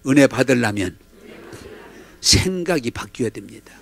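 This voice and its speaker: A man's voice: medium pitch, moderate pace, creaky. A male pastor preaching a sermon dramatically and having the congregation repeat his lines. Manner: animated, dramatic, leads call-and-response. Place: church.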